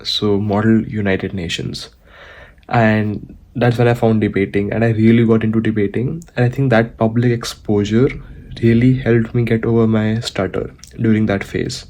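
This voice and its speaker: This young man from India has a lowish, slightly mellow voice, fairly even in intonation and moderate in pace. He's vlogging on foot outdoors, chatting casually to the camera and often restarting or using fillers.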